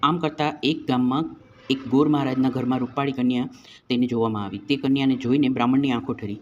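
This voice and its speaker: A man narrating a devotional folk tale in a calm, measured storytelling way. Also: mid-range voice, muffled recording, a little hiss or hum.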